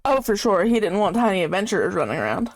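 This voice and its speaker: A woman relaxing and chatting with fellow tabletop players during a break. She is easygoing, agreeable and quick to laugh. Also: medium pitch, very animated. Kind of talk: casual chat during a game break.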